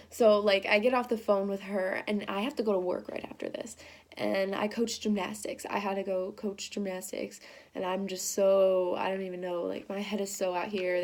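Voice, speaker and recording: A teenage girl excitedly telling a personal story in a casual, rambling way, full of "like" and "um". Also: mid-range voice. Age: teens. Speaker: high school student telling a story.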